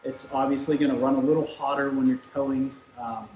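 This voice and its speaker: A man with a mid-pitched voice talks casually through technical product details in a conversational, explanatory way. The room is echoey, with shop machines running and music in the background. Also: little pitch movement, brisk, darkish tone. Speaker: turbo shop product expert and presenter. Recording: roomy echo, music, machinery behind.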